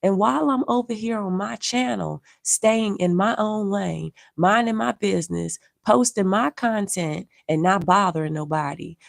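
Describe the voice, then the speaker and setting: A woman's voice: medium pitch, moderate pace, creaky, few pauses, dry recording, studio quality. A woman who is losing her voice and feeling unwell speaks on a home livestream, scolding her viewers bluntly and with profanity while keeping her voice down. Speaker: social media artist and streamer. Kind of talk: live-stream rant to viewers.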